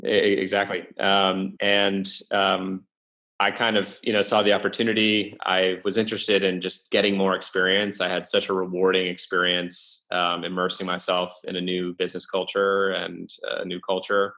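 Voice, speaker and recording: A young adult man, a venture investor, speaks as a podcast guest in casual interview talk. His low, monotone voice moves at normal speed with a sharp tone, and he sounds hesitant, with many fillers and restarts.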